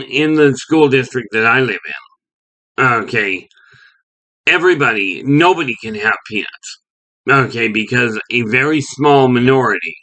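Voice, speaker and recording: Bright-voiced man from Canada, rambling. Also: mid-range voice, rough recording. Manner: rambling with frequent restarts and "okay". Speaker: video host. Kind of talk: opinion monologue.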